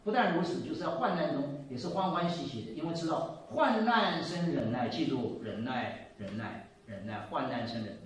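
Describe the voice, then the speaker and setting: A man in his seventies giving a sermon and telling a story, moving between loud exclaiming and quiet asides. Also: mid-range voice, animated, moderate pace, hardly any pauses, distant mic. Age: 70s. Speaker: preacher. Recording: echoey room, voice from off the mic.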